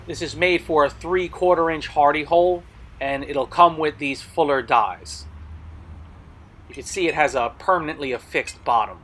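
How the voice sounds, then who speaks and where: A man's voice: a little high, normal speed, fairly bright tone, a little hiss or hum. A man narrating a product showcase as a video host, explaining details in a matter-of-fact way. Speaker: blacksmith video host selling tools.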